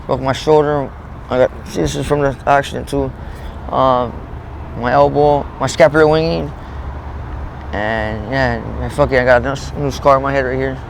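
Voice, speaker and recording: Outdoors in a parking lot, a man in his late thirties tells his story in a street interview, rambling, swearing a lot and restarting his sentences. His mid-range voice is creaky with fairly even intonation at a moderate pace. Background noise can be heard.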